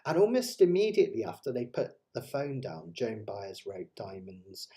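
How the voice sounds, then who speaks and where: A man's dark, fairly low and sing-song voice carries at a moderate pace as he hosts a casual ukulele play-along livestream. He speaks with a West Country English accent, chatting to viewers in a rambling, self-deprecating and enthusiastic manner.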